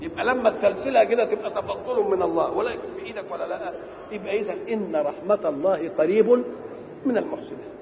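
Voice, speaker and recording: A man's voice: sits high, quick pace, vocal fry, a little hiss or hum. A man with an Egyptian Arabic accent gives a Quranic exegesis lecture, posing rhetorical questions and answering them himself. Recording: dull old lecture recording in an echoey hall.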